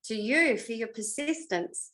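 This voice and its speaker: An older woman with an Australian accent, a former television actress, reminisces casually as an interview guest. Her voice sits on the high side and is animated, a little slow, and fairly bright. She is modest and self-effacing, rambling and often trailing off mid-thought.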